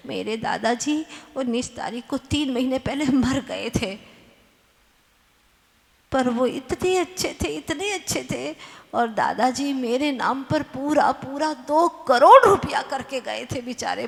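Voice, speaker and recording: A woman's voice: high voice, expressive, slow, vocal fry, heavily acted. A woman voicing a grown man who keeps weeping over relatives who died and left him money. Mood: lamenting. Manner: mournful, plaintive repetition. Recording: long hall reverb.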